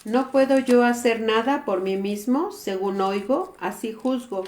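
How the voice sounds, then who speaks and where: A woman's voice: a little high, animated, measured pace, darkish tone, echoey room. A woman in the congregation who reads Bible verses aloud and answers the pastor with amens. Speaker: scripture reader in the congregation.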